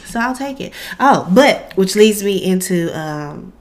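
An American woman with a congested, cold-affected voice co-hosts a podcast. She talks in a casual, animated way, bantering informally as if with a close friend. Her pitch sits in a middle range for a woman. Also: a little slow. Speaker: podcast co-host. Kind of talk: casual chat between friends.

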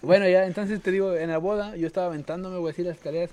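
A man's voice: high-pitched, fairly even intonation, rapid-fire, a little mellow. A young man with a Mexican accent, telling childhood stories in a slangy casual chat, laughing at his own tales. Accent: Mexican Spanish. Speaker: podcast co-host.

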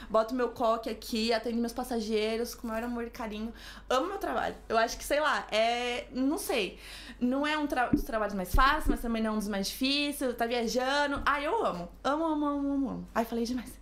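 A young Brazilian woman with a Brazilian Portuguese accent, chatting as a podcast guest and telling stories with lively acted-out quotes. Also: fairly high pitch, slight background noise. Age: young adult. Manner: rapid, animated storytelling with acted quotes. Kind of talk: casual podcast chat.

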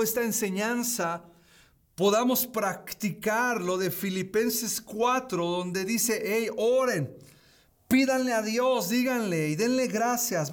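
A man in his thirties preaching a streamed sermon, stressing his points by saying key phrases again. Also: high-pitched. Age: 30s. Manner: emphatic, repeats key phrases.

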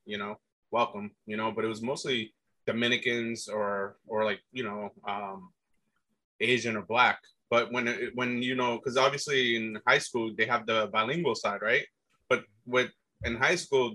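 Bright-voiced man rambling casually. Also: medium pitch, poor audio. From Guatemalan background. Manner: rambling, many fillers and restarts. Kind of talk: casual chat.

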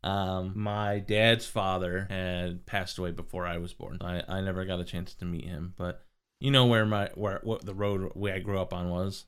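A young man with a low, smooth and resonant voice tells stories in a loose, casual way. He rambles and fills his sentences with "like" and "um". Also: level tone, normal speed, a bit bright. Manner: rambling, many "like" and "um" fillers. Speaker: podcast co-host. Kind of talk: casual storytelling.

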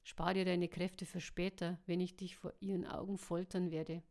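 A woman's voice: on the low side, level tone, moderate pace, vocal fry, warm tone. A woman voicing a cruel male villain from a storybook reading, mocking and taunting his captives. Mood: gloating. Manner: sneering, taunting.

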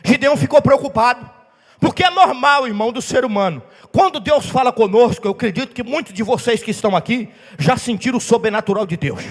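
High-pitched fiery preaching man. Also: expressive, fairly quick. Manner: fiery storytelling preacher, shouting at peaks. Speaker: pastor. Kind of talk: sermon. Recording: reverberant hall with faint music.

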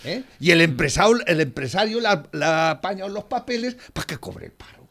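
An outraged man rants on local radio, his pitch leaping up and down as he speaks. He swears freely and keeps pushing his point with a rising "eh?". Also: expressive, fairly quick, a bit bright. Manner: indignant, swears, tags remarks with "eh?". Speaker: radio co-host. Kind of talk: heated political radio chat.

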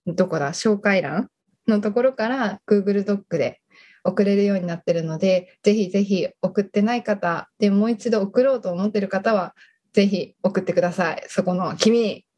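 A woman's voice: medium pitch, moderate pace, warm tone, dull audio. A woman co-hosting a podcast in casual chat, agreeing often and wrapping up the episode. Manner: chatty, frequent agreeing backchannels, wraps up the show. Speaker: podcast co-host.

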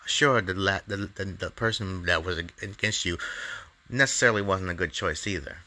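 A man's voice: deep voice, moderate pace, bright, forceful tone. A man hosting his own show, delivering an angry, profane opinion monologue in a heated, ranting way. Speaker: comedian podcast host.

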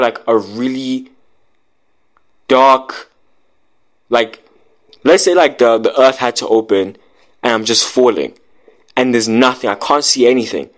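A young man with a mid-range voice tells a story in loose street slang. He rambles, drops "like" between nearly every phrase, and keeps a casual vlog delivery. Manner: rambling, fills every pause with "like"; grows louder and higher as the story builds. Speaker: vlogger.

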